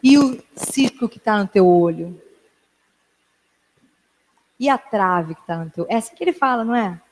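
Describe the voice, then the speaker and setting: A woman pastor preaching a sermon in a church, earnest and emphatic, sometimes dropping to a hushed tone. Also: medium pitch, expressive, moderate pace. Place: church hall. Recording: long church hall reverb.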